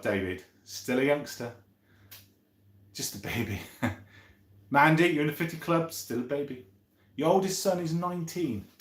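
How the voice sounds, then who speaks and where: With a medium-pitched, fairly bright voice, a fifty-something man rambles amiably through a casual live stream, thinking out loud as he reads and responds to viewer comments. The room adds a noticeable echo.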